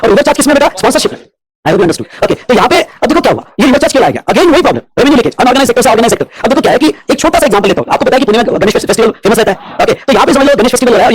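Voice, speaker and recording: A man teaching a classroom lecture on tax law. He mixes Hindi and English and keeps checking whether his students are following. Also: extremely high pitch. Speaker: commerce teacher.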